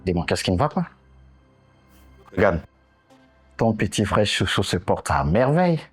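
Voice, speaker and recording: A coaxing younger brother. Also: male voice, on the low side, big pitch swings, measured pace, breathy edge, faint music behind, heavily acted. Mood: teasing. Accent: West African French. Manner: coaxing, soothing, insistent. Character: smooth-talking younger brother Sadi, adult. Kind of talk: TV drama dialogue.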